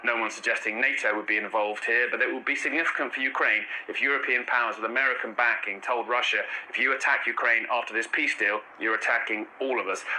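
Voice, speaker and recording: A man's voice: mid-range voice, sharp tone, a little hiss or hum, rough recording. A man working as a news correspondent, giving an analytical report with emphatic, dramatic phrasing.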